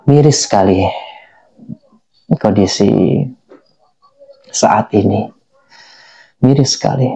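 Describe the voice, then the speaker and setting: A man giving unscripted political commentary in a halting way, repeating phrases for emphasis. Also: fairly low pitch, vocal fry, warm tone, slightly rough, rough recording. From Indonesia. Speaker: commentator giving personal opinion.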